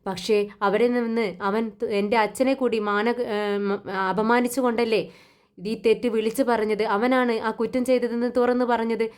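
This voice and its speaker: A woman's voice: on the high side, level tone, normal speed, clear, resonant tone, close to an everyday voice. A woman reading a defiant young wife, raised voice. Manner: sharp, accusing questions.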